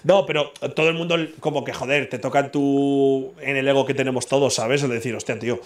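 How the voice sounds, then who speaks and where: A man's voice: mid-range voice, steady tone, fairly quick. A man from in casual chat who talks bluntly, swears freely and argues his point over and over.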